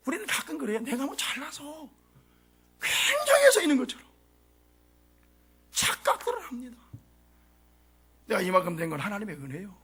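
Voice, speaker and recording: A man preaching a sermon as a pastor, with a dramatic delivery that swings from shouts to hushed whispers, in a church sanctuary. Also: sits high, gravelly, breathy edge.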